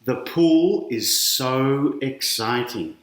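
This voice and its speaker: The speaker is a middle-aged Australian man reading a picture book to young children, chatting with them through questions and explanations. His mid-range voice is animated but very slow. Recorded indoors, the audio is roomy and echoey.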